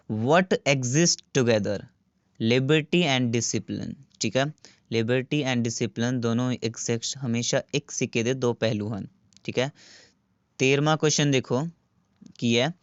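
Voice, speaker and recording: A man with a Punjabi accent, a teacher going through an exam paper, reading each question out slowly and explaining the answers in a local language mix. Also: medium pitch, dry recording, lo-fi sound. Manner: reads questions in English slowly, explains in Punjabi, repeats "theek hai" often. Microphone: phone with clip-on mic.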